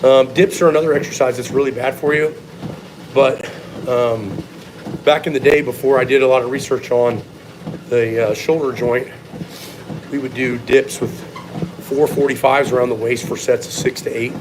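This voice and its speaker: Blunt man chatting over clear background noise. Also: medium pitch, fairly even intonation, moderate pace. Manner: blunt, opinionated, profane. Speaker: strength coach answering viewer questions. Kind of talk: casual live Q&A chat.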